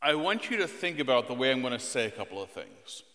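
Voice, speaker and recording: Male pastor, expressive and playful, bright voice, long reverb of a church hall. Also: mid-range voice, fast. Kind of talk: scripture reading and children's sermon. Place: church sanctuary.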